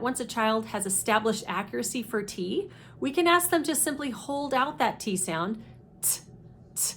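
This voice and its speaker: A woman's voice: medium pitch, a bit bright, slight background noise. Methodical woman explaining like a speech therapist. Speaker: speech therapist presenting her own teaching deck. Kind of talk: instructional explanation with demonstrated speech sounds.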